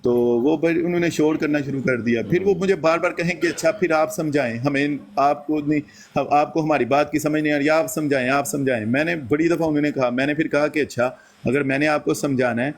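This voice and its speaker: A man casually recounting a debate, quoting his own lines back and forth as he tells it. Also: fairly high pitch. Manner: recounts events and quotes himself in lively dialogue. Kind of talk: casual storytelling.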